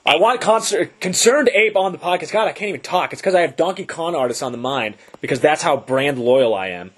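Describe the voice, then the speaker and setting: A man's voice: animated, fairly quick, husky. Upbeat joking male podcast co-host. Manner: joking, upbeat pitching and sign-off. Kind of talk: casual podcast chat.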